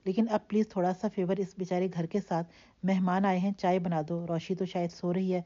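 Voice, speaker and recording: A woman voicing a blunt young man who talks in a flat, pointed tone in a storybook reading. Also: lowish voice, lightly acted. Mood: blunt, needling. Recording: dull lo-fi recording.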